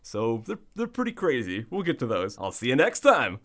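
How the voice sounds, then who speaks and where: A man's voice: medium pitch, huge pitch swings, normal speed, a bit bright. A man with a thin, weak voice giving casual unboxing commentary as the host of a video. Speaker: host of card pack opening videos.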